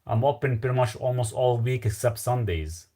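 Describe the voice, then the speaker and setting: Speaking at a moderate pace with a warm, mid-range voice, this Lebanese-accented man runs a relaxed live stream. He reads out questions from viewers and answers loosely, drifting off with fillers.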